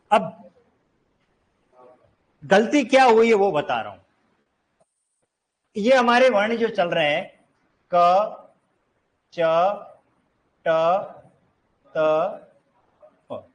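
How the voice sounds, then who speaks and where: A man's voice: high voice, very animated, extremely slow, pauses often. A man teaching a grammar class, explaining step by step and quizzing his students. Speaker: Hindi teacher. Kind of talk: classroom lecture.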